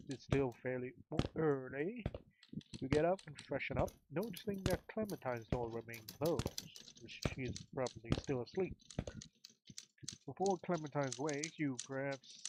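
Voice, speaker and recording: A man's voice: medium pitch, background noise. A man streaming a mystery game, reading its narration aloud in a casual way, with offhand swearing and muttered asides.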